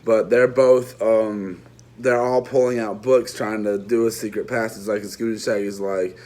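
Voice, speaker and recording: A man gives an unscripted, casual movie review, rambling with lots of restarts and trailing side remarks while chatting directly to his viewers. His voice is on the low side and a little mellow, with fairly even intonation at normal speed.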